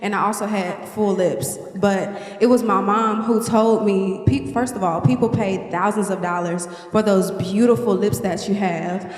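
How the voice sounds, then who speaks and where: A woman in her twenties speaking casually on a panel, chatty and quick to laugh, with many fillers. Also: mid-range voice, fairly even intonation, darkish tone. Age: 20s. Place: large hall. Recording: echoey hall.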